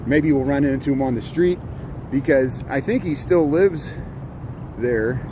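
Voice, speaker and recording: A man chatting casually on a livestream outdoors, rambling and halting, often repeating his words. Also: medium pitch. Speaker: live streamer. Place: outdoors on a city riverwalk. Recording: outdoor livestream with clear city noise.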